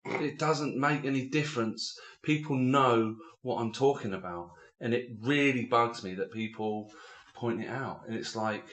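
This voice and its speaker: A man in his forties from England, co-hosting a podcast and telling stories in a casual, animated way with lots of fillers. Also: medium pitch, a little slow, roomy sound. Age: 40s. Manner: animated storytelling, many fillers and restarts. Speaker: podcast co-host. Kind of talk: casual chat.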